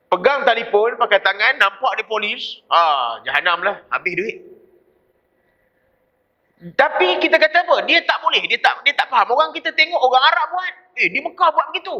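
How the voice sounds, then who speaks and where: Bright-voiced Malaysian Malay preacher. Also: male voice, high-pitched. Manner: lively storytelling with quoted voices. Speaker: religious teacher. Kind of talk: dawn mosque lecture. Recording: dull lo-fi recording.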